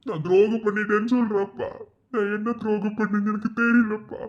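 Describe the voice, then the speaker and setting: A man voicing a proud but heartbroken young man in a cartoon drama, pleading in slow, broken, sobbing phrases. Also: on the high side, darkish tone, muffled recording, lightly acted. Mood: anguished.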